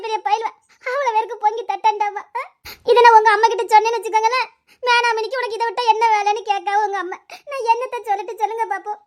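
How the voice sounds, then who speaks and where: Woman voicing a complaining woman, very high, fast talk, tearful. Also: fairly bright tone. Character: grumbling woman complaining about her household to a sister-in-law. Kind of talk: web series drama acting.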